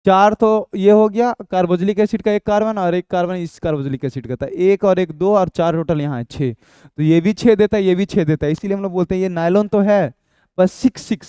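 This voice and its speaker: A man teaches chemistry in a coaxing, repetitive way, asking questions and answering them himself. His voice is a little high, mellow and smooth, and it sounds dry and close. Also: dry recording. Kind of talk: exam-prep lecture.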